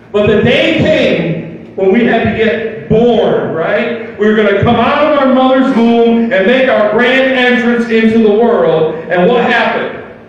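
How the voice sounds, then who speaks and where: Older male pastor, folksy sermon, raised pitch, distant mic with faint room noise. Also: lo-fi sound. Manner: folksy preaching with rhetorical questions. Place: church sanctuary. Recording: distant mic in a reverberant hall with faint ambience.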